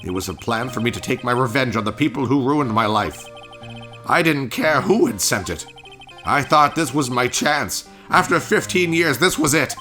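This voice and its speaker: A man's voice: mid-range voice, lively intonation, normal speed, pushed and bright, soft background music, voice pushed up. A man voicing a grumpy old man, a bitter former bailiff confessing his crime in video game dialogue. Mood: bitter, confessional.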